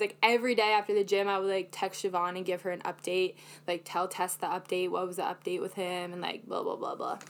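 A young woman co-hosting a podcast, telling a dating story in a chatty, self-mocking way with lots of fillers. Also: mid-range voice. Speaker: podcast co-host. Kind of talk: casual chat.

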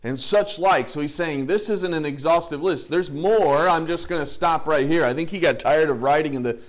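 Higher-voiced man preaching a sermon. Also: normal speed. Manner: conversational preaching, joking asides, lists with rising emphasis. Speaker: pastor.

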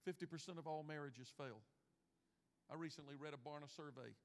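Preaching briskly with a notably high voice and some vocal fry, this pastor in his fifties swings hard in loudness, from near whispers to emphatic bursts. The sermon is recorded in a church sanctuary, where a long reverb tail trails his words.

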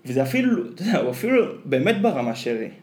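A man's voice: a little high, big pitch swings, a little mellow. A man with an Israeli accent in casual conversation as a podcast co-host. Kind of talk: casual chat. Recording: faint ambient background noise.

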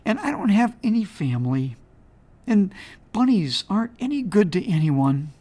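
A woman's voice: medium pitch, sing-song, normal speed, warm tone, voice pushed up. A woman voicing a small, sad young male bunny who talks tearfully and pleads.

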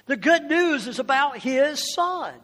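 Man, very high voice, passionate sermon, emphatic exhortation, long hall reverb. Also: animated, slow pace, sharp tone. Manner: exhorting, with rhetorical questions and repetition. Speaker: preacher. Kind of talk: sermon to a congregation.

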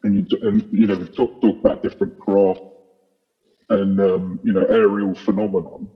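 A man's voice: flat delivery, moderate pace, slightly rough. A man with his voice electronically altered to hide his identity, a podcast guest who works as an aerospace engineer and speaks hesitantly with many fillers and restarts. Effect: voice electronically altered and deepened to hide his identity. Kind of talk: casual interview chat. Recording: dull lo-fi processed audio.

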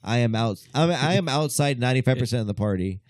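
A man's voice: medium pitch, expressive, quick pace, dry recording. Dry-sounding man reading and riffing. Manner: reads list items aloud, then riffs with profanity. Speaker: podcast host. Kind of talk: casual podcast chat.

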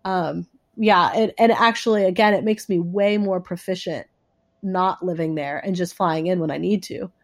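A woman with a stuffy, congested nose talks conversationally as an interview guest, explaining things in a halting way. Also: on the low side. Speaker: interview guest, author and coach.

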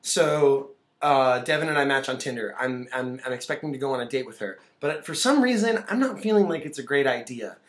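A man's voice: mid-range voice, lively intonation, brisk, few pauses. A man co-hosting a casual comedy podcast, rambling through a dating story with jokes. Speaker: podcast co-host.

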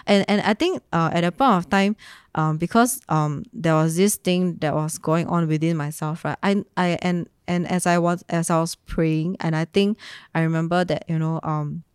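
A Singaporean woman talking casually and reflectively in Singlish, with lah and leh particles, in a halting, searching way. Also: on the low side, fairly even intonation, smooth, no room sound, studio quality. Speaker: guest sharing personal story.

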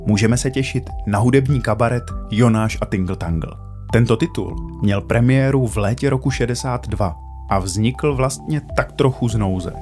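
A man presenting a culture news report as measured, formal scripted narration. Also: mid-range voice, darkish tone, soft background music.

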